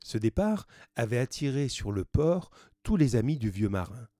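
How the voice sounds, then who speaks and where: A man narrating a classic novel as an audiobook, in a measured, even reading. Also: mid-range voice, dry recording, clean studio sound.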